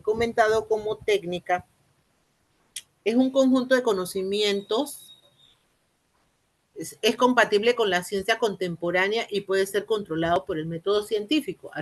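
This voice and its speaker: A woman university lecturer with a medium-pitched voice gives a spoken lecture on education. She explains slowly, with many fillers and restarts, and addresses her listeners formally.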